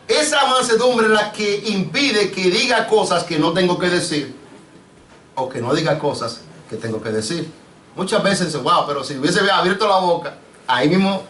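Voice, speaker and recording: Un pastor predicando con acento caribeño a su congregación, con preguntas frecuentes y tratándolos de hermanos. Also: male voice, high-pitched, fairly bright tone. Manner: preachy, asks the congregation questions, addresses them as brother. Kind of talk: sermon. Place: church sanctuary. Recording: echoey church, mic off at a distance.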